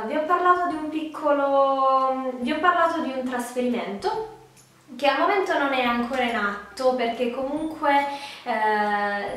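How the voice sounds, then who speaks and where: A woman's voice: sits high, a bit bright, a little hiss or hum. Female vlogger, 20s, congested duck-like nasal voice, casual delivery, strong room echo. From Puglia, southern Italy. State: congested from a cold, sore throat, duck-like nasal voice. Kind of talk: casual talk to camera. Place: small bedroom indoors. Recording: very echoey room, music behind. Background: music.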